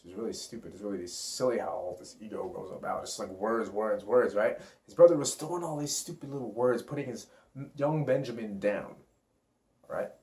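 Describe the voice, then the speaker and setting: A man's voice: on the low side, a little fast, warm tone. A man who works as a self-awareness coach, talking in a rambling, profane, hyped-up motivational vlog. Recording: roomy echo.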